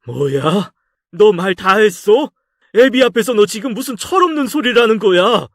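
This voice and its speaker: A man's voice: a little high, measured pace, no room sound, clean studio sound, voice pushed up, natural voice. A man reading a story aloud and voicing a stern, exasperated middle-aged father who scolds his son in a raised voice. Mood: scolding. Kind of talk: audio drama story reading.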